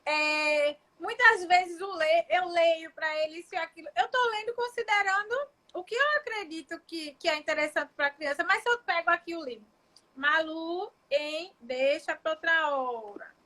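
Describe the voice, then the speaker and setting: A woman with a very high, bright voice hosts a casual live chat on a video call. She talks in a reflective, searching way, often restarting a thought and checking in with her listener. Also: moderate pace. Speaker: child psychologist and live-stream host.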